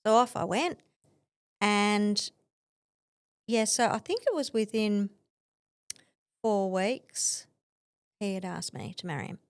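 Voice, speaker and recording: A middle-aged Australian woman telling her story as a podcast guest, animated, laughing often and acting out what others said. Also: medium pitch, slow pace, long pauses, clear, resonant tone, dry recording. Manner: animated, acts out quoted voices, laughs often. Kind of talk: conversational storytelling.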